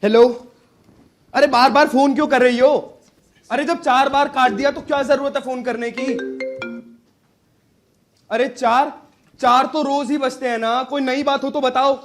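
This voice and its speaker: A man's voice: extremely high pitch, steady tone, a little slow, long pauses, soft background music. A man playing a harried pleading accountant. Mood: irritated. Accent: Indian. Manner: pleading, placating on the phone. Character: harried male accountant juggling angry wife. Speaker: chartered accountant. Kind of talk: stage drama acting.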